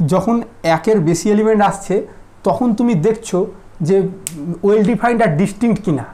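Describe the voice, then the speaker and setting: A man's voice: high-pitched, unhurried, warm tone. Male tutor, casual lecture; teasing, keeps quizzing students with check questions. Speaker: mathematics teacher.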